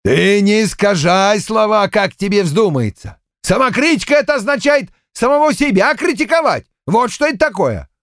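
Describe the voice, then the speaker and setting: A man's voice: sits high, lively intonation, normal speed, hardly any pauses, a bit bright, no room sound, pitched above the performer's own voice. Man as stern party secretary, curt, commanding, dry close voice. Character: stern middle-aged male party secretary.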